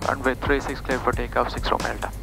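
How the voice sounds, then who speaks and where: A man's voice: mid-range voice, level tone, fast talker, gravelly, loud music behind the voice. Man giving pilot radio calls. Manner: clipped readbacks with hesitant uh fillers. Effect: pilot talking over the aviation radio. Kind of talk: pilot radio calls to air traffic control. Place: small plane cockpit in flight. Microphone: aviation headset. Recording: loud engine noise in cockpit. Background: aircraft engine drone.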